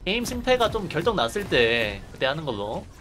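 A man's voice: on the high side, very animated, brisk, music in the background. A man livestreaming casual gameplay commentary, reacting in short muttered exclamations and asides into a close mic.

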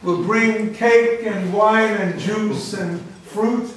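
A man's voice: high voice, fairly even intonation, very slow, slight background noise. A man from the United States, a rabbi giving a public lecture with emphatic rhetorical questions. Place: large echoey library hall. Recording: echoey hall from far off.

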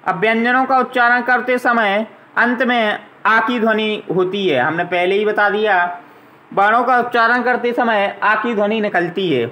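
A man's voice: high-pitched, steady tone, normal speed, pushed and bright, poor audio. A man teaching a grammar lesson to young children, patiently spelling out letters and vowel signs one at a time.

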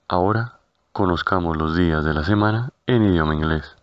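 A man narrating a scripted language lesson, speaking slowly and carefully and repeating each word. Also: deep voice, no room sound. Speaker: language teacher. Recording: dull, lo-fi.

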